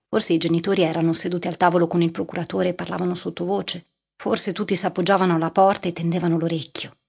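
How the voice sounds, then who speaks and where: A woman narrating a literary audiobook in a measured, steady reading voice. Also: on the low side, gravelly, husky.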